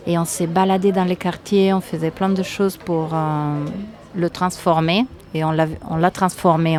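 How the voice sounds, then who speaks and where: An Italian woman with an Italian accent answers interview questions as a guest, sounding hesitant and thoughtful, with lots of pauses and fillers. Her pitch is fairly low.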